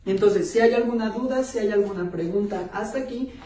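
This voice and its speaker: A course instructor walks through a lesson step by step, filling pauses with many small filler words and restarting words partway through. The voice is dark and mellow. It sits back from the mic in a roomy, echoing space. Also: mid-range voice. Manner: frequent "este" and "entonces" fillers, restarts words mid-sentence. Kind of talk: online video lesson, step-by-step explanation. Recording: roomy echo, voice distant from the mic.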